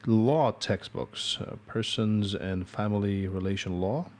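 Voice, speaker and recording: A man with a Filipino accent hosting an interview podcast, giving a formal, measured introduction of his guest. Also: fairly low pitch, darkish tone. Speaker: podcast host.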